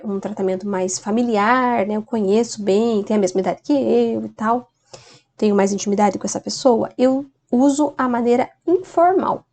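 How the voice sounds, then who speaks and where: A woman's voice: medium pitch, mellow. A woman teacher explaining grammar in a video lesson, often checking in with "né?". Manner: explains patiently with frequent "né?" checks. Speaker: Spanish teacher.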